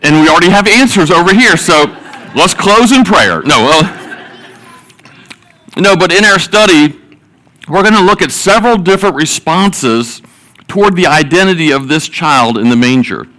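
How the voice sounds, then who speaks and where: A man with a bright, fairly high voice preaches to his congregation. He eases in with folksy joke stories before turning to scripture, often repeating words as he goes. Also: lively intonation, moderate pace, rough recording. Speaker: pastor. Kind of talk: sermon with jokes.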